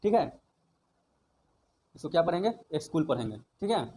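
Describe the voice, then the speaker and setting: A man's voice: fairly high pitch, sing-song, normal speed, warm tone, poor audio. A man teaching an English grammar lesson. He spells words out letter by letter, then asks and answers his own questions. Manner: drills each word letter by letter, asks and answers himself. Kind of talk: slow classroom-style lesson, repeating questions. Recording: faint background noise.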